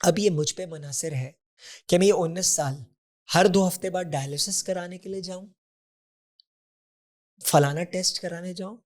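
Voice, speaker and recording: During a conversational podcast interview, a male health advocate in his 40s explains matters earnestly, dropping in English terms. His high, slightly mellow voice moves at a moderate pace with frequent pauses.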